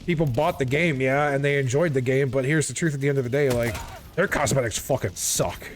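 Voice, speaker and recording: A man's voice: medium pitch, fairly even intonation, fast talker, background noise. A man in a casual gaming chat, complaining insistently and repetitively with frequent casual swearing. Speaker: video game player.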